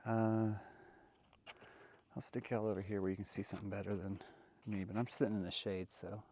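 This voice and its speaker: A man's voice: fairly low pitch, fairly even intonation, quick pace, darkish tone. A man chatting casually while filming his hike outdoors in a desert canyon on a handheld camera, a bit winded from climbing. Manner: chatty, wandering, folksy. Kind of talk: casual vlog narration.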